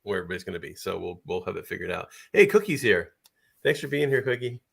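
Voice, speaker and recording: A man's voice: low voice, animated, fast, creaky, slightly rough. A man hosting a casual livestream chat, talking easily and laughing often. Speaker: livestream host.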